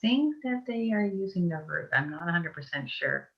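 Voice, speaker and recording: A woman's voice: on the low side, animated, normal speed, vocal fry. A woman from Eastern Europe giving an informal, chatty talk as a guest herbalist, often restarting her sentences. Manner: chatty, digressive, many restarts. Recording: muffled online call audio.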